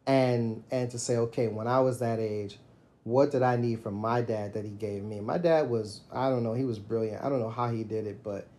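A middle-aged man talks in a relaxed podcast conversation. His voice sits at an ordinary middle pitch. He sounds reflective and tells his stories at length, rising and getting animated whenever he quotes himself. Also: moderate pace. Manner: reflective, storytelling, animated when quoting himself. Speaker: podcast co-host. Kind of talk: casual conversation.

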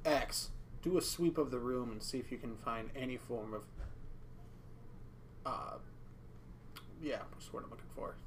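A man's voice: mid-range voice, moderate pace, pauses often, slight background noise. A man playing a tabletop role-playing game, talking casually and hesitantly with fillers. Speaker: player.

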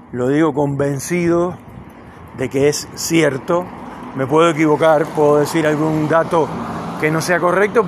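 Cuban-born man, gravelly podcast monologue. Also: a little high, slight background noise. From Cuba. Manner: rambling, loose and conversational. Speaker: podcast host. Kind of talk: improvised monologue while walking. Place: outdoors on a city street at dusk. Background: passing cars.

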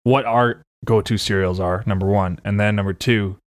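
A man's voice: on the low side, steady tone, dry recording, studio quality. A young Canadian man co-hosting a casual podcast chat, cracking jokes and teasing the others. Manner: joking, teasing, quick asides. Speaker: podcast co-host.

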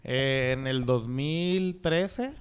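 Invitado mexicano de treinta y tantos, voz limpia y resonante, tono relajado y bromista. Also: male voice, medium pitch, drawn-out words, clear, resonant tone. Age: 30s. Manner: laid-back, slangy, joking. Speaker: podcast guest. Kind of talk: casual conversational interview.

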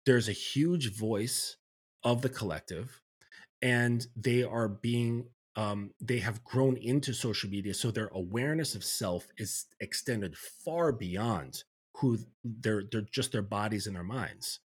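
A man's voice: on the low side, unhurried, slightly rough. A man talking as a guest on a podcast, reflective, often checking in with the listener as he makes his points. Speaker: guest, men's coach. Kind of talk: podcast conversation.

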